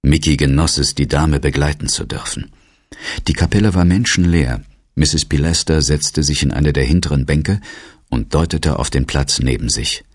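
Very deep, husky male narrator. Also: moderate pace, no room sound, clean studio sound. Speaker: audiobook narrator. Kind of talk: scripted narration.

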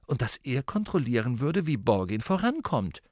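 A man's voice: mid-range voice, sing-song, normal speed, darkish tone, dry recording, studio quality, lightly acted. A man voicing a clever, earnest teenage witch girl in an audiobook, speaking in a probing way. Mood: eager.

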